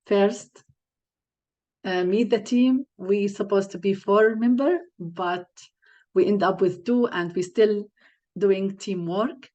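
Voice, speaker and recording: A woman's voice: mid-range voice, slow, dark tone, dull audio. A woman from Palestine hosting an online webinar on a video call, speaking with frequent fillers and restarts. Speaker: webinar host and lead coach.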